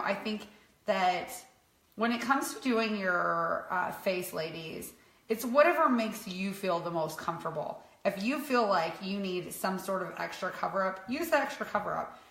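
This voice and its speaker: Casting: thirties woman, low-ish voice, loose rambling demo talk, echoey home room. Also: normal speed, creaky, a bit bright. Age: 30s. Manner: rambling, talks to viewers as ladies. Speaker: makeup artist co-host. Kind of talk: casual makeup demo chat.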